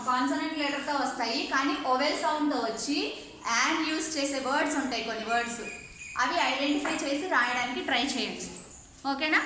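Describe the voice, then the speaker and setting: A woman's voice: high voice, bright, forceful tone. A woman teaching an English lesson online, explaining step by step and often checking whether students follow. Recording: echoey room, faint ambient noise.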